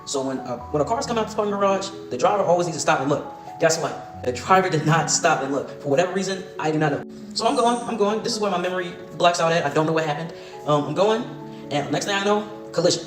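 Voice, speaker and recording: A young man tells a story to camera in a rapid, profane, laughing way. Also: a little high, animated. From Baltimore, USA. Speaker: storytime vlogger. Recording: echoey room with music behind.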